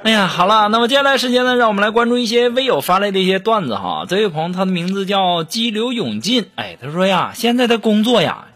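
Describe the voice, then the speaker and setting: A man hosting a casual show, telling joke stories in an animated way, with exclamations. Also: sits high, fast talker, hardly any pauses. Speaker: host reading joke submissions. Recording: steady background music under voice. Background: background music.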